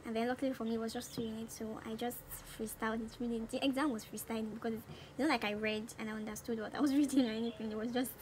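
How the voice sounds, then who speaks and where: Recorded in a small room at home with noticeable background noise, this beauty vlogger is a woman in her twenties with a Nigerian accent, casually and animatedly chatting through a makeup tutorial. Her slightly mellow, higher voice comes out rapid-fire with fairly even intonation and hardly any pauses.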